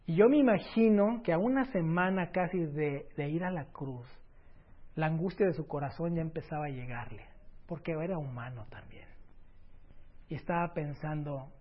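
A man preaching a sermon, swinging between loud emphatic lines and soft, near-whispered words. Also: fairly high pitch, moderate pace. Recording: dull lo-fi recording.

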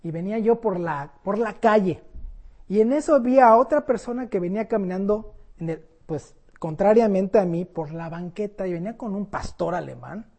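Husky-voiced woman preaching. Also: mid-range voice, moderate pace. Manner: conversational, animated storytelling. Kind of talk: sermon.

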